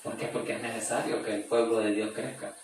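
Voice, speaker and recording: A man's voice: on the low side, level tone, brisk, background noise. A man leading a Bible study in a church room. He reads a verse aloud, then retells it in plain everyday speech. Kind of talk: conversational Bible study teaching. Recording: very echoey room, voice far from the mic.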